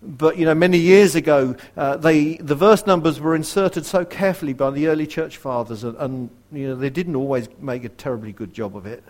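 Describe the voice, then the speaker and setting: A man preaching a sermon in an earnest way, asking his listeners direct questions and dropping to a hush for quoted verses. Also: fairly high pitch, a little fast, few pauses. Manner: varies loudness widely, dropping to a near whisper for quoted verses.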